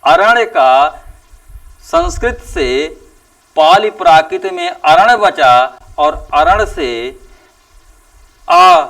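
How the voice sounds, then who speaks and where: A male teacher giving a classroom lecture, speaking slowly and deliberately and drawing out example sounds with emphatic rises. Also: fairly high pitch, sing-song, fairly bright tone, distant mic. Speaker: Hindi teacher.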